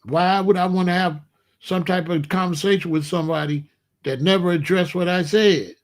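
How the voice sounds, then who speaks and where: This live commentary host talks unscripted to his chat in a high, fairly even voice at a normal pace. Blunt and confrontational, he keeps repeating himself while calling out a particular chatter.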